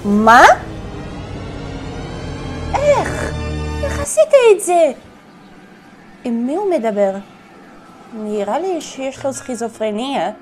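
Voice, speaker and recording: A woman's voice: high voice, sing-song, long pauses, music in the background. A woman hosting a casual reaction video, laughing often and exclaiming back at the clips. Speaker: host reacting to funny clips.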